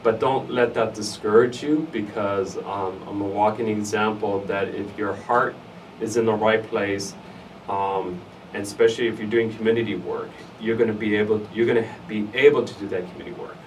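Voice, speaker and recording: A man's voice: on the low side, steady tone, normal speed. A middle-aged man with an East L.A. accent giving conversational interview answers, emphatic and given to repeating phrases in lists. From United States, East Los Angeles area. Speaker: interviewee, fraternity alum. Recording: noisy, distant mic, room ambience.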